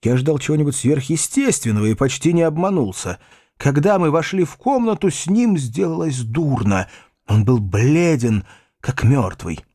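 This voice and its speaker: Expressive male audiobook narrator. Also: fairly high pitch, normal speed, no room sound, studio quality. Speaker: audiobook reader. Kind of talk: scripted narration of a classic novel.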